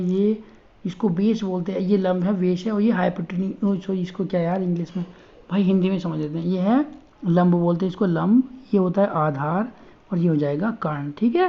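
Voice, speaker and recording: A man teaching spelling in a casual online lesson. He chats with viewers, calls them friends, and spells words out slowly letter by letter. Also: high-pitched, vocal fry, dull audio. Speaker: online tutor.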